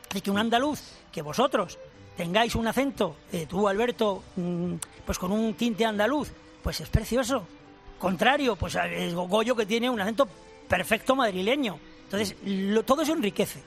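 Older man, high-pitched, emphatic professorial radio guest, faint music under. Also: creaky. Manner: emphatic, explanatory, addresses host formally. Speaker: language professor and author.

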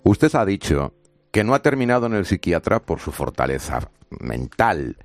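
A man's voice: low-pitched, sing-song, moderate pace, no echo, faint music behind. A man interviewing a guest on the radio, asking questions courteously and playfully.

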